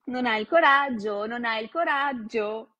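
A woman's voice: high voice, sing-song, measured pace, pitched above the performer's own voice, full character voice. A woman voicing a cheeky five-year-old orphan boy in a storybook reading. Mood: teasing.

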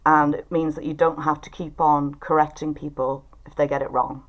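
An Irish woman hosts an informal online group discussion over a video call from indoors at home, acting as a writers' group facilitator and event host. Her voice is deep with a level tone and normal speed, and the recording sounds muffled.

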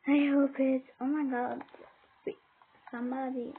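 A woman's voice: high-pitched, level tone, unhurried, creaky. Woman gamer, hesitant and filler-heavy, role-play commentary, faint background hiss. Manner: hesitant, many fillers and exclamations. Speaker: game player. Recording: tinny phone-like audio with faint noise.

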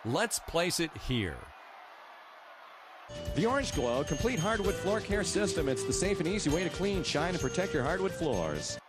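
A man playing an upbeat game show prize announcer in a video game, with a booming, excited, scripted delivery. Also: normal speed, over music.

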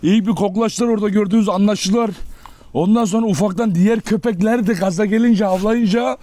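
Outdoors with his dogs, a young man talks fast and chattily to viewers, pausing for brief, firm commands to the animals. He has a high-pitched voice with a dark tone, recorded with no echo.

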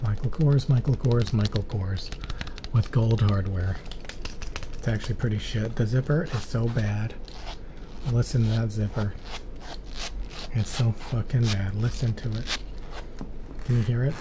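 A young adult man doing fast, aggressive ASMR close to the microphones, repeating playful trigger phrases. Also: on the low side, steady tone. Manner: repetitive nonsense trigger phrases. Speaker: ASMR creator. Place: small dark bedroom studio. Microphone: two studio condenser microphones up close. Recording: close-miked with clicking and tapping noise. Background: clicks, tapping, handling noises.

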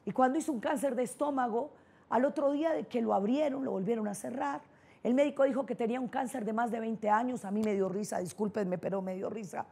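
Husky-voiced paisa woman, middle-aged. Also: medium pitch, darkish tone. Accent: Colombian paisa. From Colombia (Antioquia). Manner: personal storytelling, emphatic and candid. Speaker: neurolinguistic programming trainer, speaker. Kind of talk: motivational conference talk.

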